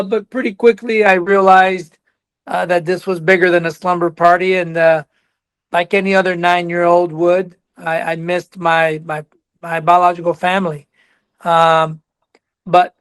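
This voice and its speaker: Speaking earnestly on a podcast, this Colombian-born man in his forties, raised in Texas and carrying a slight Texas accent, recounts his path as a college soccer coach. His high, slightly bright voice has a clean tone, little pitch movement and a measured pace, with no room sound.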